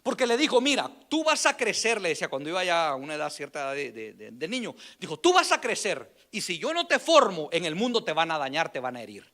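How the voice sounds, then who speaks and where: A man preaching a storytelling sermon in church, acting out quoted voices with shouts and laughs. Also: a little high, huge pitch swings, fast, hardly any pauses.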